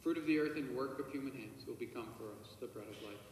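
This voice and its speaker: Heard from far off through a camera at the back of a large church, a priest says Mass in a measured, solemn tone with a mid-range voice. He recites the liturgical prayers and quietly murmurs private ones. The sound is echoey, with a faint hiss.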